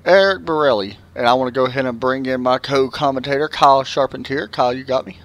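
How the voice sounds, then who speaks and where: A Southern-accented man talks fast in a medium-pitched voice while giving casual, chatty live commentary on a sim race, interviewing drivers and using fillers often.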